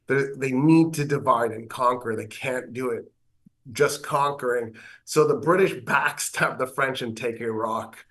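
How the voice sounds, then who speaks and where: An American man, a government professor, explaining history in an interview with animated delivery and wry asides. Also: medium pitch, a little slow.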